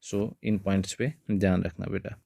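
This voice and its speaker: A man's voice: low-pitched, little pitch movement, normal speed, creaky, warm tone, slightly rough, no room sound, studio quality. A male biology teacher giving an exam-prep lecture, calling his students "beta" again and again and mixing English terms into his talk.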